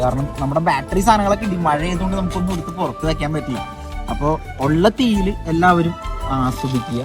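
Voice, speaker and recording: A Malayali man casually narrating an outdoor vlog in a Malayalam and English mix, exclamatory and repeating phrases for emphasis. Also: high voice. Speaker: vlog host. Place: outdoors at a rainy lakeside camping spot.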